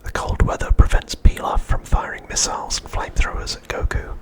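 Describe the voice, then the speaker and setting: The ASMR host, a middle-aged man, narrates in pure breath without any voicing. His reading is soft and slow, and he leaves intentional gaps between phrases.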